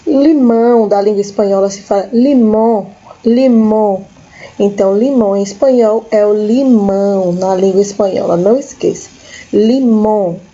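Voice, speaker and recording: A woman with a Brazilian Portuguese accent, teaching a recorded lesson to children, slowly and patiently repeating each word for young learners. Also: mid-range voice, warm tone, lo-fi sound. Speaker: school teacher.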